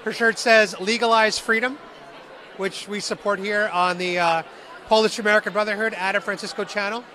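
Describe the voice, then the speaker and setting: Handheld mic in hand, a young livestream host and street interviewer talks cheerfully to viewers and questions people in a big meeting hall with a crowd murmuring behind him. His high-pitched voice is pushed and bright, fairly even in intonation at a moderate pace, with slight background noise.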